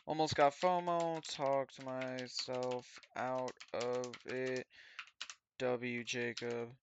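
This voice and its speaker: A man casually talking to himself in slangy, halting mutters as he records a trading journal recap. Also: medium pitch, level tone. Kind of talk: casual self-talk while typing, screen recording. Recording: dull mic, clear noise, keyboard clicks.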